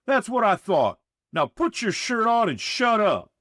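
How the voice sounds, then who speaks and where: A man's voice: high voice, unhurried, dry recording, clean studio sound, voice pushed up, heavily acted. A man doing a huge, coolly menacing guy. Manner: flat taunting, then sharp barks. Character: huge, calm, intimidating young man.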